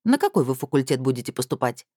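A woman's voice: rumbling low, big pitch swings, quick pace, dark tone, dry recording, clean studio sound, heavily acted. A woman voicing a pushy, anxious middle-aged woman in a storybook reading. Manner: pushy, agitated.

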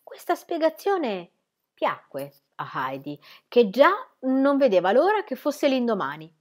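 A woman's voice: fairly high pitch, very animated, a little slow. A woman reading a children's novel aloud, narrating expressively. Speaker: reader.

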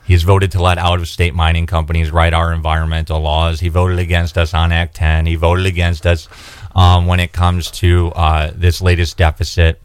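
A man running for state senate gives a radio interview about his campaign, speaking earnestly and measuredly with fillers and restarts. His low, clear, resonant voice is delivered completely flat, and the studio recording is dry.

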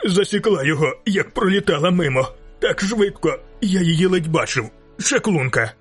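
A man's voice: medium pitch, expressive, moderate pace, sharp tone, slightly rough, soft background music. A man doing a breathless panicked young soldier. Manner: breathless, raised voice.

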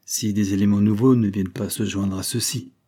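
Un homme qui prête sa voix, dans un livre audio, à un agent de police franc et enthousiaste, au ton ardent et sincère. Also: male voice, fairly low pitch, fairly even intonation, fairly quick, mellow, natural voice. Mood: earnest, eager. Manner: frank, enthusiastic, earnest. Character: eager, outspoken male police agent. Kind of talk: audiobook character reading.

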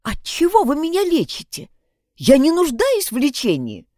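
A woman's voice: high voice, huge pitch swings, normal speed, mellow, no echo, clean studio sound, voice pushed up. A woman voicing a frightened, confused young heroine in a hospital bed, speaking in a pleading, agitated way. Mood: desperate.

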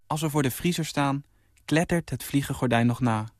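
Young man calmly reading his story. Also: mid-range voice, normal speed, dry recording, clean studio sound. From Netherlands. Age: 20s. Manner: calm, even storytelling, lifting his voice for the quoted lines. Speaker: short story writer.

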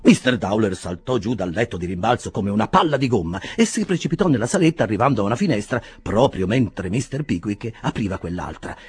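A man reading a classic novel aloud as an expressive, dramatic narrator. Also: lowish voice, a little fast, few pauses, breathy edge, no room sound. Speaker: audiobook reader. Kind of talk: audiobook narration.

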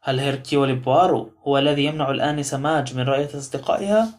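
A man's voice: medium pitch, racing, close to an everyday voice. A man reading the part of a small, fussy, confident male detective in an audiobook, in a coaxing, theatrical manner. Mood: sly, coaxing.

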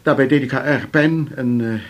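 A man's voice: medium pitch, moderate pace, close to an everyday voice. An actor playing a nervous older man under suspicion, who speaks hesitantly and stammers while defending himself. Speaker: suspect husband. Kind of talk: radio drama acting.

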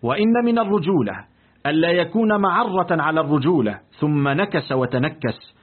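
A man narrating a literary audiobook in a deliberate, expressive reading. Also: on the high side, breathy edge. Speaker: audiobook reader. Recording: tinny, lo-fi phone-like audio.

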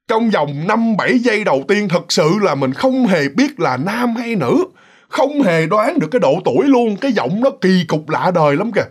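Man, high voice, chatty ghost story telling, lots of fillers. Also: husky. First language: Vietnamese. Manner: chatty, many fillers and restarts. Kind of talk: casual ghost story narration.

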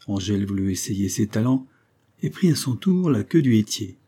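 Guy reading an old novel, dark mellow voice, slow and measured. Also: lowish voice, sing-song, slightly rough. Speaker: audiobook reader.

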